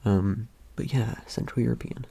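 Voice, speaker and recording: A man's voice: mid-range voice, fairly even intonation, normal speed, vocal fry, warm tone, husky. A young man chatting casually about his ancestry results, rambling and joking with lots of ums and uhs. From Britain. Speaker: vlogger. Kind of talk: casual commentary over results.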